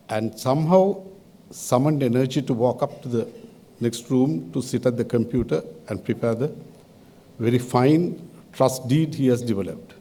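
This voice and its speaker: An older man with a Sri Lankan accent delivers a formal podium speech as a chairman, in measured, halting phrases with deliberate pauses. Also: medium pitch, warm tone. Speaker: advisory committee chairman giving a welcome address.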